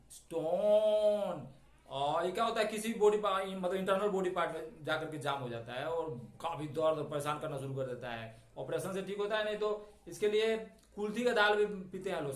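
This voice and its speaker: A middle-aged man teaching an English vocabulary lesson in a chatty, digressive way, stretching out key words slowly. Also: high voice. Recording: echoey room.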